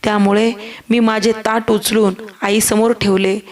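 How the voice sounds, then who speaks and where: A woman narrating a family story in the first person, with an earnest, steady manner. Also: medium pitch, a little slow.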